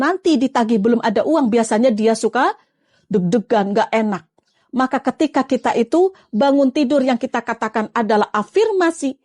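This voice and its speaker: Female preacher, high voice, dry close sound, coaxing delivery. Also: no room sound. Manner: lively, coaxing, addresses viewers as friends. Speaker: Islamic preacher. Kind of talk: live-streamed religious talk.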